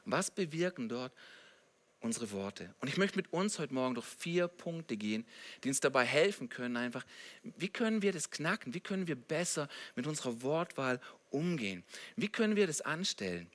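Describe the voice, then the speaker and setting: A man preaching a sermon in a lively, conversational way, often asking the listeners questions. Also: mid-range voice, normal speed. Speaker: pastor.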